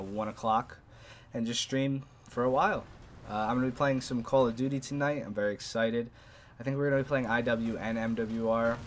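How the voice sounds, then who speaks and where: A man's voice: medium pitch, a little hiss or hum. Rambling young man with a New York accent. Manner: rambling, chatty, addresses viewers directly. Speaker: gaming video host. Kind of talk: casual commentary over gameplay.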